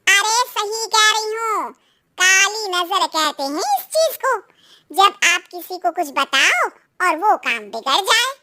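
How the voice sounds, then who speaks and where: A woman's voice: extremely high pitch, very animated, takes it slowly, bright, forceful tone, voice pushed up, full character voice. A woman doing a meddling older neighbour aunty. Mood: warning. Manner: knowing, cautionary. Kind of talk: cartoon voice acting.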